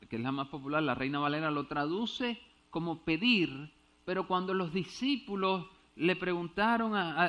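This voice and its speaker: A man's voice: on the high side, sharp tone. Man preaching in dull lo-fi sound. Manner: explains step by step, often asks if understood; stumbles over Greek words. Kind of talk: Bible teaching sermon. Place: church.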